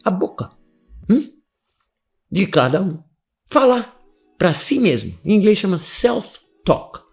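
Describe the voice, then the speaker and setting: A man's voice: high-pitched, big pitch swings, slow pace, gravelly, darkish tone, soft background music. A man from Brazil giving a live online English lesson, explaining emphatically, asking rhetorical questions and checking in with "né?" and "tá?". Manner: chuckles between points. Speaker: English teacher.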